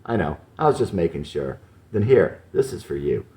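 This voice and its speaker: A man's voice: deep voice, big pitch swings, moderate pace, warm tone. A man reading a pleading, lovesick young man. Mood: bitter. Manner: pleading, anxious questions.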